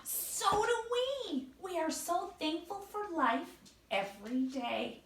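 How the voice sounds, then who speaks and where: Very high-pitched woman, kids show host. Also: sing-song, slow pace, a bit bright, slight background noise. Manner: sing-song, exclaiming, gasping, addressing young children. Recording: echoey room, distant mic.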